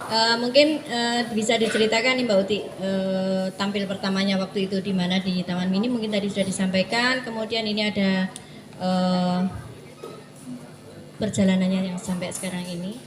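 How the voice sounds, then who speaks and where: A woman hosting a talk, lively and teasing as she passes questions to guests. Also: medium pitch, normal speed, background noise. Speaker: host. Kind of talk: moderating a talk. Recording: echoey room with audience.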